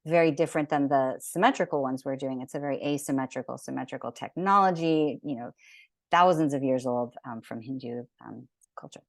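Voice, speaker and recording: A woman with a low voice leads an online geometry class, rambling eagerly and restarting her sentences. The sound is dry and close, coming through a video call. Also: a little fast, no room sound. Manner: rambling, enthusiastic, many fillers and restarts. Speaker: sacred geometry teacher.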